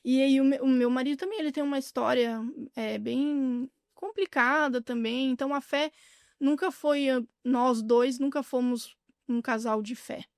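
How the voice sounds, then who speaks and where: A woman with a Brazilian Portuguese accent, speaking candidly as an interview guest, with halting restarts. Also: sits high, steady tone, dry recording, clean studio sound. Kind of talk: casual interview chat.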